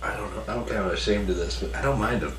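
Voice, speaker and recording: A man's voice: fairly low pitch, fast, a bit bright. A man co-hosting a drink review in casual, joking banter, with hesitant, colloquial remarks that trail off. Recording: roomy, distant mic, faint noise.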